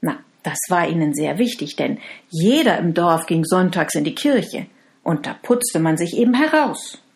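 A woman telling a fairy tale in an expressive, deliberate way, addressing her listeners. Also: fairly low pitch, gravelly. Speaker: storyteller.

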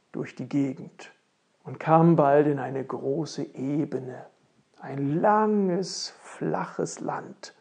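A storyteller reading a fairy tale aloud slowly, with stretches dropped to a soft whisper. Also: medium pitch, vocal fry.

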